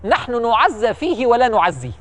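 A man with an Egyptian accent telling history as an animated, emphatic storyteller who repeats words for effect. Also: extremely high pitch, brisk. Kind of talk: lively storytelling lecture.

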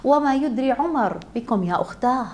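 A woman storyteller voicing a pious, humble male caliph of old, speaking gently and earnestly inside her narration. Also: medium pitch, fast talker, lightly acted.

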